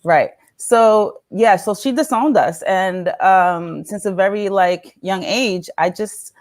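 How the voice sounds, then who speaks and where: A woman's voice: mid-range voice, slow, darkish tone. A woman from the Dominican Republic, a guest on a talk show, speaking candidly and laughing often, with many fillers. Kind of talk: casual interview talk.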